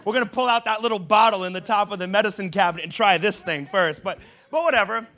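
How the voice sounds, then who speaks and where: A man in his thirties from Brazil, preaching a sermon told through animated, humorous personal stories. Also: high-pitched, quick pace. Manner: animated, humorous storytelling with laughs.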